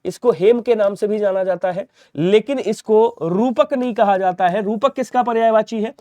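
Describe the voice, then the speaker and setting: A young man with a high, bright-sounding voice runs a rapid-fire Hindi grammar drill. He repeats each word, asks the class a question and then answers it himself. The recording is dry and close, with no room sound. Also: dry recording. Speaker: online exam-prep Hindi teacher.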